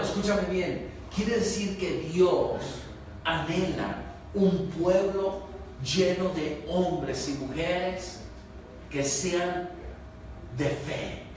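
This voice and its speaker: High-voiced pastor preaching in echoing church. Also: male voice, a little hiss or hum. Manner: emphatic preaching, swings between loud rises and low hushed lines; keeps asking the congregation for agreement. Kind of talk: sermon. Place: church hall. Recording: echoey church from far off.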